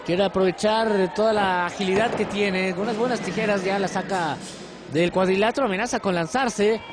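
A man's voice: sits high, normal speed. A man analysing a live match as a wrestling color commentator. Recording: noisy arena broadcast with loud crowd.

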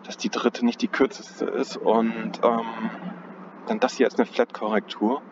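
This is casual chart-analysis commentary from a male trading analyst who speaks a little slowly in a level, mid-range voice. He thinks out loud, hesitates, and keeps correcting himself while standing outside in the cold. Outdoor noise runs through the dull, low-fidelity recording.

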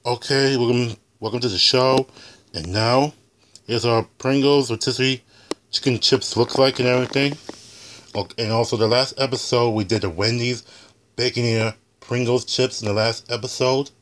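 A man's voice: medium pitch, fairly even intonation, moderate pace, a bit bright, slight background noise. A young adult man hosting a casual food review from his home kitchen, talking like a show announcer. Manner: announcer-like, refers to himself in third person.

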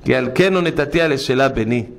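A rabbi giving an impassioned sermon in a synagogue, firing rhetorical questions and dropping low to tell a parable. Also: male voice, background noise. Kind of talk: weekly Torah portion sermon.

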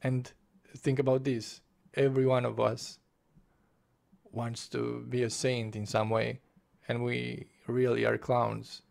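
Unhurried and creaky, this young book reviewer's mid-range voice has a dark, warm tone and little pitch movement. A native Romanian speaker, he records a casual book vlog at a desk mic in his home bedroom, mic in front of his face with webcam framing. He speaks passionately, gesturing with both hands and restarting phrases.

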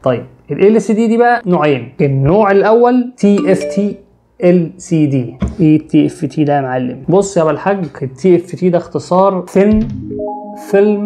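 Young Egyptian male tech host, quick, gravelly, slangy and joking. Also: fairly high pitch, dark tone. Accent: Egyptian Arabic. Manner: joking, chatty, addresses listener with street slang. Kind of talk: comic tech explainer.

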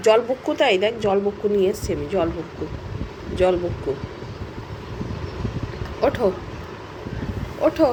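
A woman's voice: mid-range voice, animated, unhurried, long pauses. A woman filming a casual home vlog, coaxing her pet dog in affectionate baby talk. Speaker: dog owner. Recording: traffic noise behind.

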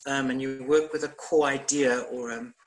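A man's voice: medium pitch, steady tone, normal speed, slight background noise, low-quality recording. Middle-aged man, theatre maker, hesitant, many fillers, laptop webcam call. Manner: gestures widely while talking. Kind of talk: online panel discussion. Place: home room, indoors. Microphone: laptop webcam on video call.

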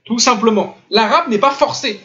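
A man's voice: extremely high pitch, moderate pace, pushed and bright. Emphatic man teaching over lo-fi chat audio. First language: French. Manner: corrects pronunciation by demonstrating sounds, emphatic and insistent. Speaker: Islamic teacher. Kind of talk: online religious lesson. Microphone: computer mic in online voice chat room.

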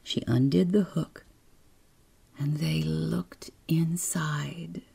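A woman narrating a bedtime story in a soft, hushed, half-whispered reading. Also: deep voice, fairly even intonation, very slow, vocal fry, breathy edge.

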